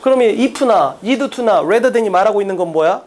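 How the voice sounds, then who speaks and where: A brash male test-prep lecturer at the blackboard talks bluntly, constantly tossing rhetorical questions at his students. His pitch swings widely, rising and dropping with emphasis as he drives each point home. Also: lively intonation, a little slow, darkish tone.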